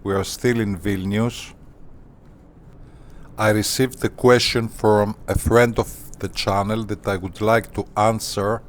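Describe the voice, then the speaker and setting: A man hosting a flight simulator channel, talking casually in deliberate, formal phrases with hesitant pauses. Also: on the low side, steady tone. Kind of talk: casual tutorial commentary.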